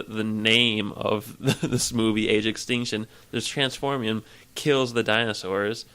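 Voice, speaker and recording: A man's voice: fairly low pitch, a bit bright, clear, resonant tone. A man in a casual roundtable movie review, rambling and joking, with laughs between his remarks. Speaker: film reviewer.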